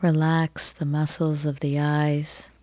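A woman leads a guided meditation in a low, mellow voice. She speaks very slowly and gently, leaving long pauses between soft, soothing phrases. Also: monotone, no room sound.

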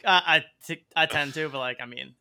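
A man's voice: on the high side, normal speed, sharp tone, smooth. A man in his thirties chatting casually as a podcast guest, often repeating words as he thinks. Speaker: podcast guest, startup co-founder. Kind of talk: casual interview chat.

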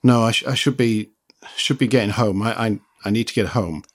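A man's voice: on the low side, a little fast, slightly rough. A man around sixty, born in Liberia, reading a short story to a writing group and chatting hesitantly. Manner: hesitant, repeats words when unsure. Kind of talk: reading aloud and casual chat.

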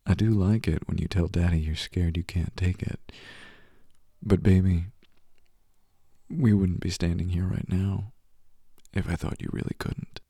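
A man giving soft, hushed, tender second-person roleplay narration, often dropping to a whisper. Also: deep voice, fairly even intonation, unhurried, vocal fry, husky, no room sound, clean studio sound. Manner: tender and reassuring. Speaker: audio roleplay performer.

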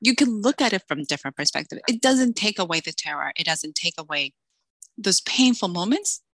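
With a gravelly, mid-range voice and a fairly quick delivery, a Dominican Republic author jokes through a casual interview as a guest, lively as she performs the voices of people in her stories. The recording is dry.

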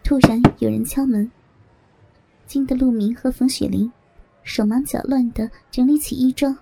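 Woman narrator, husky, gravelly, dark-toned, steady reading, faint music behind. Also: sits high, moderate pace, no room sound, low-quality recording. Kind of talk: adult audio story narration.

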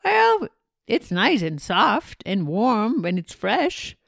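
A woman voicing a scatterbrained, cheerful, very old female witch in a storybook reading, with high, squealing exclamations. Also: huge pitch swings, takes it slowly, vocal fry, no room sound, clean studio sound, full character voice. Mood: storytelling.

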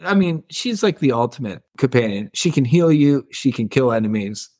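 A man's voice: mid-range voice, big pitch swings, normal speed, a little mellow. A man co-hosting a book podcast, casually retelling scenes, reading quotes aloud and laughing often.

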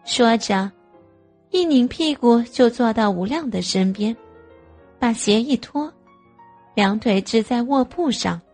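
A woman narrating an audio novel in a slow, even storytelling manner. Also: fairly high pitch, faint music behind.

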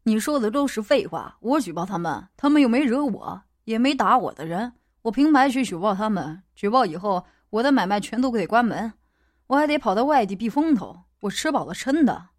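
A woman voicing a gloomy middle-aged male gang boss with a low, blunt and cold manner, as a character in an audiobook. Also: animated, a little fast, a little mellow, no room sound, clean studio sound, lightly acted. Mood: scornful.

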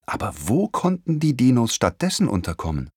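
A man narrating a children's storybook in an expressive, animated reading. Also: mid-range voice, moderate pace, husky, dry recording, studio quality. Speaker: audiobook narrator.

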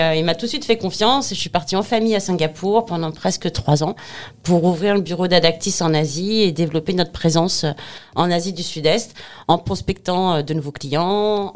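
A woman's voice: on the low side, darkish tone. A woman in her forties, a guest in a podcast interview, speaking fluently but with frequent filler hesitations. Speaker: guest, head of business development. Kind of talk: interview answers.

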